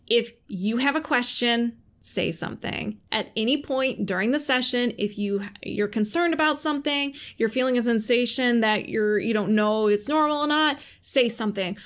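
Chatty higher-voiced woman podcast host. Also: normal speed, few pauses, a bit bright. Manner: chatty, acts out quoted voices, laughs easily. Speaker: podcast host and Reiki practitioner. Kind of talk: casual explanatory podcast talk.

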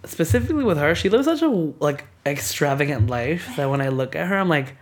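A man's voice: fairly high pitch, lively intonation, brisk. A man hosting a podcast, chatting casually and filling his talk with "like". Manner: chatty, filler-heavy with lots of "like". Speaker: podcast host. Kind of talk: casual chat.

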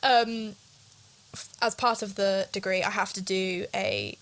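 A woman's voice: medium pitch, slow pace, gravelly, fairly bright tone, a little hiss or hum. Nervous rambling young woman podcaster. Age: young adult. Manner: rambling, self-conscious, chatty. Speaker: podcast co-host. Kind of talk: casual chat.

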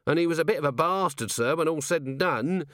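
Here a man performs the same jittery, evasive little corporal for an audiobook, stammering and hesitating with "sir" sprinkled throughout. The voice is lightly acted, a little high and raised above his natural pitch, quick and fairly bright, captured in studio quality with no room sound.

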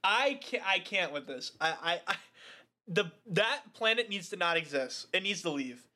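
Bright, animated swearing man. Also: sits high, moderate pace. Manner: animated, heavy swearing, laughs often. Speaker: podcast co-host. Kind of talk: casual movie review chat.

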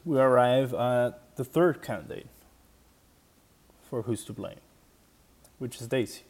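Slow, deliberate man. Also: mid-range voice, husky. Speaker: host. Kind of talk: spoken commentary video.

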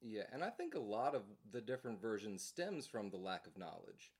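A man's voice: fairly low pitch, sing-song, fairly quick, slightly rough. A man hosting a casual conversation who agrees easily and keeps the talk moving. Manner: easygoing, agreeable, frequent backchannel.

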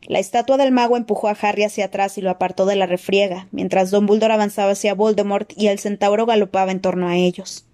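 A woman reading a fantasy novel aloud as interpretive audiobook narration. She tells the action with expressive, dramatic delivery. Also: medium pitch, fast talker, hardly any pauses. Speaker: audiobook reader.

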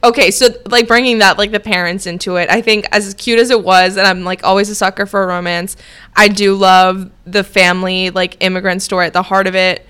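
A woman's voice: mid-range voice, little pitch movement, brisk, a bit bright, clear, resonant tone. A young woman co-hosting a movie podcast, chatting in a rambling, giggly way full of fillers. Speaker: podcast co-host. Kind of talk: casual chat.

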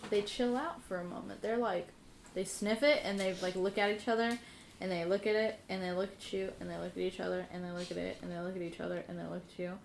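A woman's voice: on the low side, fairly even intonation, fast talker, gravelly. A young woman narrating a tabletop game as game master, casual and swearing, often laughing. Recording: echoey room with faint noise.

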